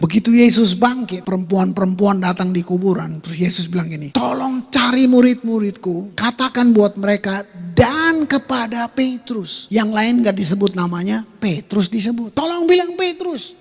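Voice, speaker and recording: A middle-aged male pastor preaching a sermon in a casual, slangy way, swinging between loud bursts and quiet asides. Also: high-pitched, husky. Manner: casual Jakarta slang, dramatic swings in loudness.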